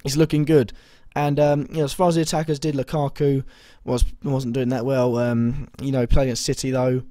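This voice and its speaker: A young man with a slightly hoarse voice that is still recovering, talking through his fantasy football week in a rambling way, full of ums and self-corrections. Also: medium pitch, flat delivery, normal speed, warm tone, dry recording. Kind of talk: casual video commentary.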